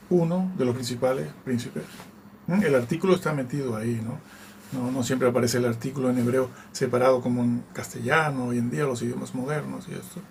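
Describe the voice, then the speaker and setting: A man's voice: mid-range voice, vocal fry, slight background noise. A man giving conversational Bible teaching, reading scripture aloud and checking in with his listeners through frequent tag questions. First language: Spanish. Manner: reads scripture aloud and comments on it.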